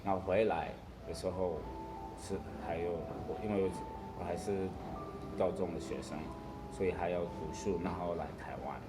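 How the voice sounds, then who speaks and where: Deep-voiced South African man speaking halting foreigner's Mandarin. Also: fairly even intonation. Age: young adult. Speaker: interviewee, foreign student. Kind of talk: casual interview answers. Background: music.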